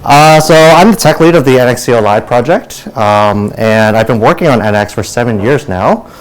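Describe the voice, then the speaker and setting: A man presenting an informal tech lightning talk at a meetup in a rushed, colloquial manner, often checking in with "right?". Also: animated, rough recording. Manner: rushed, keeping it high level.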